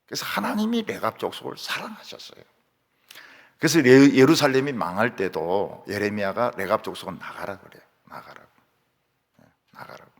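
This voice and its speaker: A male pastor with a Gyeongsang accent preaching a sermon in a church, telling stories in an animated way and acting out the voices he quotes. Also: lowish voice, moderate pace. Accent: Gyeongsang Korean. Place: church sanctuary. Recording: reverberant church hall.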